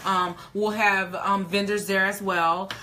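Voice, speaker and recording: A woman's voice: medium pitch, little pitch movement, a little slow, pushed and bright. A woman in her late forties hosting a casual live chat, emphatic and folksy, repeating words for stress. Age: 40s. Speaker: host.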